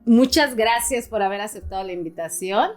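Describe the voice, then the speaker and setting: A woman's voice: medium pitch, moderate pace, soft background music. A woman hosting a podcast interview, speaking to her guest in an affectionate, welcoming way. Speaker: podcast host. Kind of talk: conversational interview.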